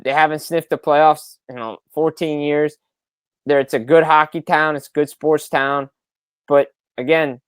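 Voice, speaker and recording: A man's voice: on the high side, clean tone, no echo. A man hosting a casual sports talk podcast who speaks emphatically and hammers his points home by repeating them. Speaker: podcast host.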